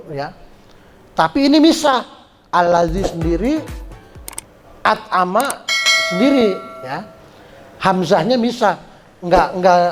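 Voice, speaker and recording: A man teaching Quran recitation rules at a study gathering, explaining patiently and chanting drawn-out syllables to show pronunciation. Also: sits high. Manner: slow, patient explaining with frequent "ya" check-ins. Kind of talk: tajwid lesson at a religious study gathering.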